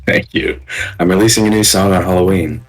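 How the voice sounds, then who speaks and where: A man with a deep singer's voice tells a casual anecdote in a low-key, hedging way, as a guest on a voice call. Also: fairly quick, over music, low-quality recording. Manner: low-key, hedging storyteller with frequent check-ins. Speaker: call-in guest on a live show. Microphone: voice call on Discord.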